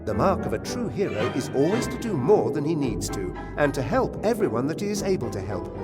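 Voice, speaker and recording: A man's voice: fairly high pitch, very animated, brisk. An actor playing a lofty, lecturing male god of stories in a video game. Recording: game audio with loud music.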